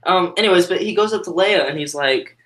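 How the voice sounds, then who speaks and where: Bright, higher-voiced man rambling casually. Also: a little fast. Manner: rambling, self-interrupting. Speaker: guest on a live stream. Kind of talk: casual chat.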